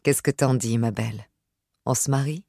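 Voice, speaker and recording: A woman voicing a young man engaged to be married, apologetic and in a hurry, in her own low husky voice. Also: normal speed, dark tone, no echo, studio quality.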